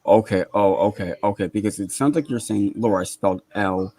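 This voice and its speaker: A man's voice: fairly low pitch, fairly quick, warm tone, dry recording, low-quality recording. A man chatting as a guest on a livestream, hesitant, with lots of ums and repetition. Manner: hesitant, repeats himself. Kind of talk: casual group chat.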